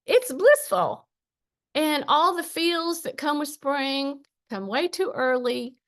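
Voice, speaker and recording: Woman poet, 50s, measured unhurried delivery, slightly high voice, earnest. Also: fairly bright tone. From southeastern Ohio. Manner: earnest, apologetic, emotional between poems. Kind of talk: poetry reading.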